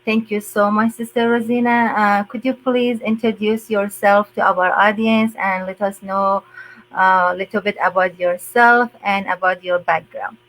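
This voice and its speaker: An older woman hosting a live online interview, talking slowly with many hesitant fillers. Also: medium pitch, fairly even intonation, a bit bright, slight background noise, low-quality recording. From USA resident. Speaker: host.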